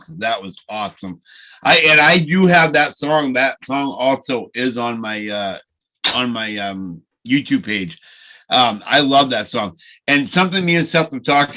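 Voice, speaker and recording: Bright, gushing male podcast co-host. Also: mid-range voice. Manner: enthusiastic, gushing, with stumbling restarts. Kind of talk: casual podcast chat.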